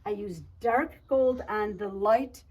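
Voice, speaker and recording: A woman giving a casual show-and-tell tutorial on her quilting projects, chatty, talking fast and a lot with frequent restarts. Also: medium pitch, a little mellow, husky. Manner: chatty, talks fast and a lot, self-interrupting. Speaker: quilt shop co-owner showing projects.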